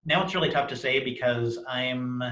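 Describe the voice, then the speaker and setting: A man's voice: mid-range voice, pushed and bright. A man giving a conversational personal account in disjointed, cluttered speech, repeating words and syllables and often restarting his phrases. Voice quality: disfluent cluttered speech with many word and syllable repetitions. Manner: disjointed, halting, self-correcting delivery with frequent restarts. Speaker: interviewee sharing his experience of cluttering. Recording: roomy, echoey video recording.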